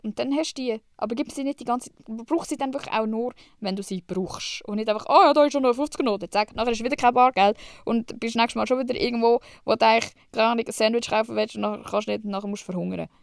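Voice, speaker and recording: A woman's voice: on the high side, fairly even intonation, quick pace, creaky, hardly any pauses, no room sound, clean studio sound. A young woman from Switzerland with a Swiss German accent, hosting a casual solo podcast, chatty and blunt, swearing freely and dropping English slang. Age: young adult. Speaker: podcast host.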